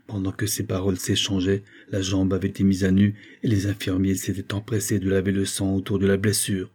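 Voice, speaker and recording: A man reading a novel aloud in steady, measured narration. His voice sits low and husky, with a dark, mellow tone. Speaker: audiobook reader.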